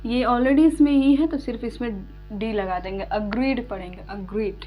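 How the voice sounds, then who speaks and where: A woman teaching a spoken English lesson, explaining verb forms slowly with many repeated examples and coughing now and then. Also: fairly high pitch, mellow, faint music behind. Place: home room with fan switched off. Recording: dull lo-fi recording with faint hum.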